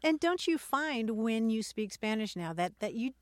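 A woman co-hosting a radio show about language, enthusiastic and expressive. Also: on the high side, normal speed, no room sound, studio quality. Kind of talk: relaxed radio conversation and reading.

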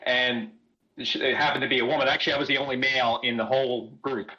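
A man's voice: medium pitch, fairly even intonation, fast, bright, forceful tone. A man calling in to a talk show, his voice sounding like it passes through a voice modulator over a headset line. He talks hesitantly and chuckles between words. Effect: sounds like talking through a voice modulator. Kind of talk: phone-in chat. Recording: muffled headset call line.

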